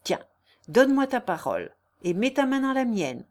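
A woman's voice: a little high, very animated, moderate pace, pitched above the performer's own voice. A woman voicing an earnest young male lawyer who pleads tenderly and solemnly in a read-aloud novel. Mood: earnest, pleading.

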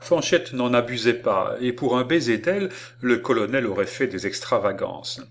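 A man reading an audiobook of a classic novel with measured, expressive narration. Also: medium pitch. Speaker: audiobook reader.

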